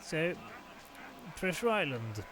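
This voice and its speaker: A man's voice: a little high, very animated, slow. A man improvising in-character game narration as a storyteller, polite and theatrical with a hesitant delivery. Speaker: storyteller and gamer playing in character.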